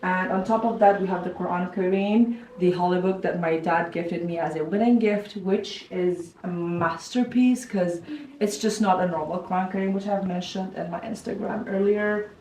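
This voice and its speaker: Here a Kazakh-speaking woman from Kazakhstan shows viewers around her living room and bedroom in a laid-back vlog, talking at normal speed with a lowish voice. She's chatty and leans heavily on "like." Recorded with a distant mic in an echoey space, the audio carries a little hiss or hum.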